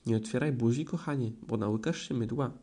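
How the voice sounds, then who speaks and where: Man as a motherly kangaroo, coaxing, firm, mellow dark voice, storybook. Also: medium pitch, fairly quick, breathy edge. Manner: coaxing, bossy-sweet.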